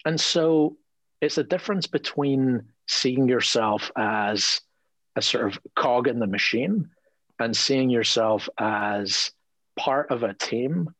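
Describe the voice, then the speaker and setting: A man speaking as a lawyer guest in a conversational interview, earnest and animated, often repeating words as he thinks aloud. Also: medium pitch, no room sound, poor audio.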